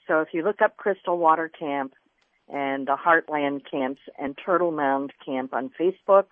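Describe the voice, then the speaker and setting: A woman's voice: sits low, normal speed, no room sound. A woman from Florida, a journalist and environmentalist, explaining earnestly as a radio interview guest over the phone. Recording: tinny phone line.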